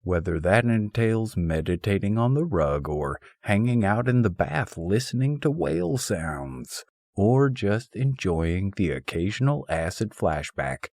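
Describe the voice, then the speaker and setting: Wry and mock-scholarly, a male audiobook narrator with a low pitch reads a humorous essay at an unhurried pace. His intonation moves lively up and down, and the recording is close and dry.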